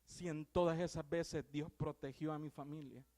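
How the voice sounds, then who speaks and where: High-voiced Salvadoran preacher, fervent and dramatic. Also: male voice, steady tone, moderate pace. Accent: Salvadoran Spanish. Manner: swings from loud exclamations to hushed, earnest tones. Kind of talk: sermon.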